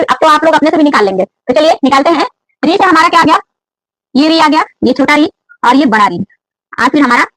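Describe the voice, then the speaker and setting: Female teacher, high voice, dry close sound, asks and answers her own questions, chants the rules slowly. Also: fairly bright tone, dry recording, low-quality recording. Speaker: Sanskrit grammar teacher. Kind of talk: classroom-style grammar lesson.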